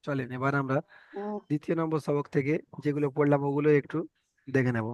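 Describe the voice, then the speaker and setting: A man's voice: fairly high pitch, level tone, fairly quick, darkish tone, no room sound, dull audio. A male teacher with an Indian Bengali accent, leading an online Arabic reading lesson and patiently repeating letter sounds for his students. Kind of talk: online Quran reading class.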